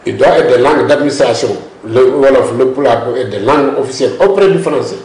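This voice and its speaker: Quick and darkish in tone, this mid-range male voice belongs to a language policy expert in a discussion interview. He gives long explanations, sticks firmly to his points, and frequently cuts in, repeating words. Echo fills the room.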